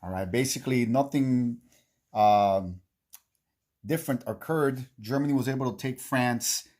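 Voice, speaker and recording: A man hosting a board-game series, giving a casual recap in a halting way, repeating himself and checking in with "okay". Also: medium pitch, a little mellow. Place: indoor home game room he calls the bunker.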